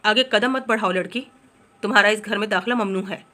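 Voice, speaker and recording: A stern older man gives commands as head of the household, voiced by a woman narrator. His tone is bright and forceful. He is an audiobook figure. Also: mid-range voice, fairly quick, natural voice.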